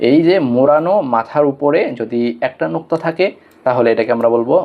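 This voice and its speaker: Patient male Quran teacher, slightly dull audio. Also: mid-range voice. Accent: Bangladeshi Bengali. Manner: patient, explains step by step, drawn-out letter names for repetition. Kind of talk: online lesson on Arabic letters.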